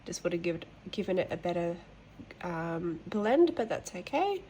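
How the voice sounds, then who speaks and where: A woman's voice: on the low side, big pitch swings, normal speed, dark tone, a little hiss or hum. A woman hosting a colouring channel from home, chatting casually with rambling, apologetic asides and a nasal voice from hay fever. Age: adult, mother of boys. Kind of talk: casual show-and-tell chat.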